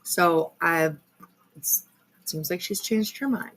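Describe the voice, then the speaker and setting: Taking her time, a woman with a lowish, fairly bright voice reacts live to another creator's video as a stream host. She rambles casually, with a sardonic tone and a confrontational streak.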